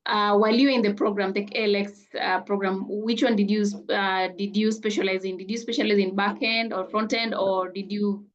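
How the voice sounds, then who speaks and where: A woman's voice: mid-range voice, flat delivery, a little fast, few pauses. Upbeat woman host, lo-fi sound. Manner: upbeat, effusive praise with frequent "amazing". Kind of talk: online interview.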